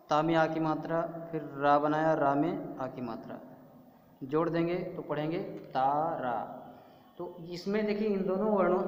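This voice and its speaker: A man teaching a young class, slowly spelling out syllables and repeating each word. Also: on the high side. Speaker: primary school teacher. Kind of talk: slow classroom lesson. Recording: echoey room with long reverb.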